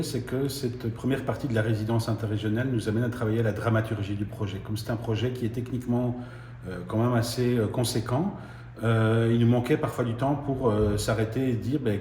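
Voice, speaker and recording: A man's voice: medium pitch, fairly even intonation, fairly quick, dark tone, echoey room, slight background noise. A man, a theatre artist in residence, explaining his project in an interview, carefully and with many fillers. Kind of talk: interview testimonial.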